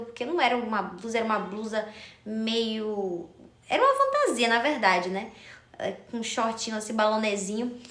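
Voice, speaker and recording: A woman's voice: fairly high pitch, a bit bright, roomy sound. A young adult woman chatting casually on a live stream, telling a childhood story and greeting viewers by name. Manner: chatty, addresses viewers, thanks commenters by name.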